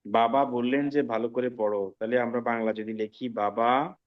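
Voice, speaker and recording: A man teaching an online language class, explaining slowly and often checking that students follow. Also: medium pitch, steady tone, highs cut off. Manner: slow, patient explaining with frequent check-ins to students. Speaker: Sanskrit teacher.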